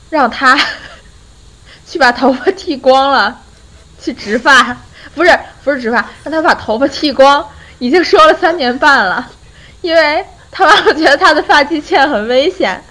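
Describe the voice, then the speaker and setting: Lively young woman podcast host. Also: fairly high pitch, poor audio. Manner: lively, often breaks into laughter while retelling. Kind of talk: casual storytelling chat.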